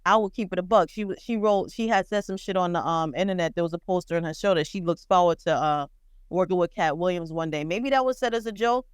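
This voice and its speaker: A woman co-hosting a podcast, chatting bluntly and profanely about celebrity gossip with lively storytelling. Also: lowish voice, quick pace, clear, resonant tone, no room sound. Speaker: podcast co-host. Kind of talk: casual pop-culture chat.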